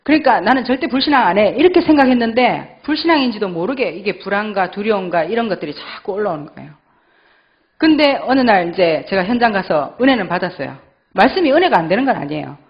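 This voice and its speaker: Middle-aged church elder, woman, Gyeongsang accent; lively, swinging delivery; emotional testimony; dull lo-fi recording. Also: medium pitch, fast talker. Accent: Gyeongsang Korean. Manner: emotional storytelling, acting out her own past thoughts. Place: church sanctuary.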